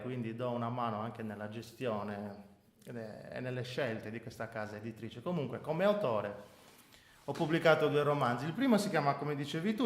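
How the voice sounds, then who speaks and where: A man in his forties from Sardinia, speaking as an interview guest. His pitch sits in a middle range and he drives his points home by repeating them. The recording carries a roomy echo. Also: a bit bright. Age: 40s. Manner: emphatic, repeats points for weight. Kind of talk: radio interview answers.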